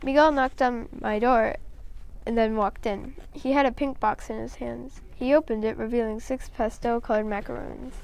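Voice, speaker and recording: A woman's voice: a little high, steady tone, moderate pace, a little mellow, slight background noise. A woman reading a first-person children's story aloud in a plain storytelling manner, with a few small slips.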